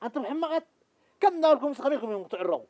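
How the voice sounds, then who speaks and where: An actor in a sitcom, playing a blustering, animated man. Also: very high voice, racing, no echo. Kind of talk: sitcom acting.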